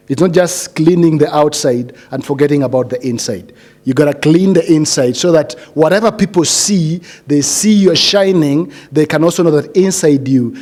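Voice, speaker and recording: A man's voice: fairly high pitch, dark tone. A middle-aged man giving a motivational speech to a seated audience, earnest, often repeating phrases and asking the audience questions. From Kenya. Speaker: speaker addressing a graduating cohort.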